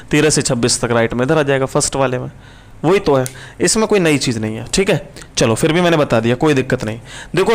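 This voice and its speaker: A male teacher running a live online reasoning class, repeating questions and answers to his students as he works through problems. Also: fairly high pitch. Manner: brisk, repetitive questioning of students.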